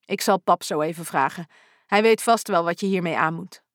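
A woman's voice: lowish voice, normal speed, no room sound, studio quality, lightly acted. A woman voicing a laid-back, teasing teenage boy who jokes with his niece.

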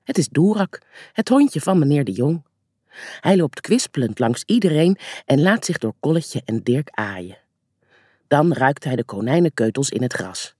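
A narrator reading a children's story aloud, with expressive storytelling. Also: medium pitch, moderate pace, no room sound, studio quality.

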